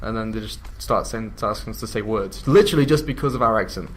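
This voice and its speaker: A man's voice: fairly low pitch, fast talker. A young man with an English accent, a gamer chatting casually, rambling and laughing as he talks. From England. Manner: chatty, drifts into mock voices and laughs. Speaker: YouTube gamer. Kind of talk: casual chat.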